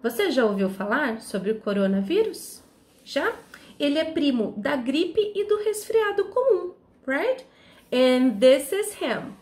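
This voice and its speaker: Slow sing-song woman teacher. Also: high voice, big pitch swings, darkish tone. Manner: slow, sing-song, encouraging questions to children. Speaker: kindergarten teacher. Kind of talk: online lesson for young children.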